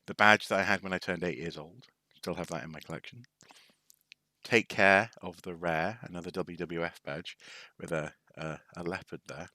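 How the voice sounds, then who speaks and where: A man from North Wales with a very deep voice that still has a bright, crisp edge rambles casually through a live stream. He hesitates, restarts and drops wry asides. The sound is close and dry. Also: fairly even intonation, moderate pace, dry recording. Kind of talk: casual rambling show-and-tell.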